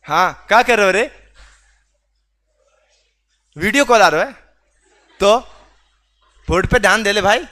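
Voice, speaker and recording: A man's voice: high-pitched, expressive, measured pace, long pauses, bright, forceful tone. A man teaching a reasoning class in a classroom, teasing and prodding students to answer. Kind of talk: classroom lecture.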